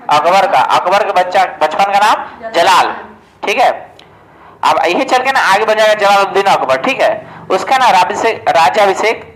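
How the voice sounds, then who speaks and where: In a casual history lesson aimed at exams, a coaching teacher keeps asking questions only to answer them himself, with frequent "ठीक है". He has a high, slightly bright voice, and the audio is poor.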